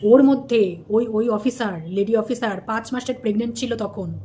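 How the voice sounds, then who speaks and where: A woman's voice: a little high, normal speed, dark tone, slight background noise. A woman from India hosting a casual commentary vlog, chatty and scolding, repeating herself and tossing rhetorical questions at viewers. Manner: scolding, repetitive, rhetorical asides. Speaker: host.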